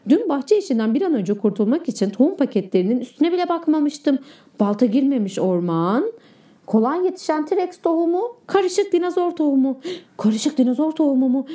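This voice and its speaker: A kindergarten teacher reads a storybook aloud to young children in a high, mellow voice. Her telling is expressive and animated, with pitch leaping up at the exciting moments.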